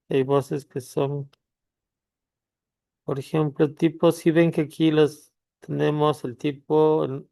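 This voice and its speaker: Un hombre con la voz áspera y crujiente, que explica un programa paso a paso con muchas pausas. La grabación es seca, sin eco de la sala. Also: male voice, a little high, vocal fry, a little mellow, no room sound, studio quality. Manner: halting explanation, pausing with tag questions. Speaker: tutorial host. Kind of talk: screen-recorded software tutorial.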